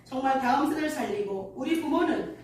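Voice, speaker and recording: High-voiced woman preaching in an echoey church. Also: animated, fairly quick, far from the mic, slight background noise. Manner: earnest, emphatic preaching with storytelling. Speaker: pastor. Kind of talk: sermon. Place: church sanctuary. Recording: echoey church hall from afar.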